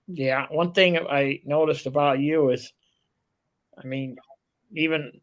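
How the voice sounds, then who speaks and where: A man's voice: fairly high pitch, steady tone, slow. A man hosting a casual interview, talking with admiring enthusiasm and rambling, restarting sentences. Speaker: interview host.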